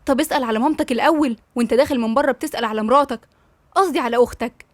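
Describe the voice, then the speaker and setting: A woman's voice: high voice, racing, dry recording. A woman with an Egyptian accent voicing a middle-aged mother, dry and evasive. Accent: Egyptian Arabic.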